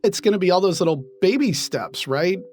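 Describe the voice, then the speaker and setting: A man, a professor, explaining ideas in an interview with lively, laughing asides. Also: high voice, a little fast, faint music behind. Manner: animated, laughs while explaining. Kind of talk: interview answers.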